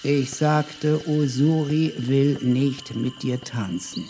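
A man's voice: medium pitch, steady tone, slow, mellow, faint music behind, close to an everyday voice. A man voicing a protective male gorilla barkeeper in a storybook, firm and stern.

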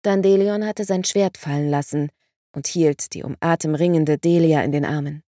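A woman narrating a fantasy audiobook in the first person, with steady, expressive storytelling. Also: sits low, moderate pace, no room sound, clean studio sound.

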